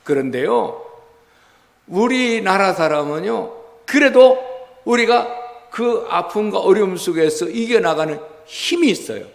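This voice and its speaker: A man's voice: high-pitched, lively intonation, a little slow, creaky. A male pastor preaching a Sunday sermon, exhorting the congregation and questioning them as he tells a story. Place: church sanctuary. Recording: reverberant church hall.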